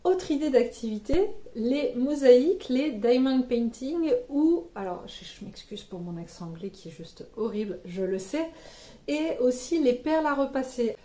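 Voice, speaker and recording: Chatty mother, mellow voice. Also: a little high, very animated, normal speed. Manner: chatty and hesitant, many fillers. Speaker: parent vlogger sharing kids' activity ideas. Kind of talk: casual advice vlog.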